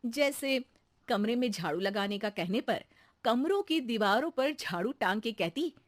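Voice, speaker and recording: A woman tells a scripted cartoon story as its narrator. Her voice is fairly high and very animated in pitch, recorded close and dry. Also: measured pace, no echo.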